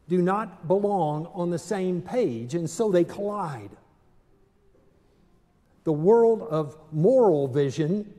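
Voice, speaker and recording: An older male pastor delivers a sermon in a slow, deliberate way, leaning on dramatic pauses. His voice sits a little high and sounds mellow. A long reverb from the stone sanctuary trails each phrase. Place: large stone church sanctuary, at a pulpit. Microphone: pulpit microphone, far camera.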